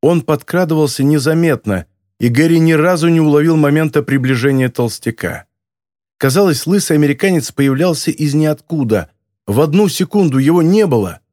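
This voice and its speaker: A man narrating an audiobook in an even, measured storytelling voice. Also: a little high, dry recording, clean studio sound. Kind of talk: scripted narration.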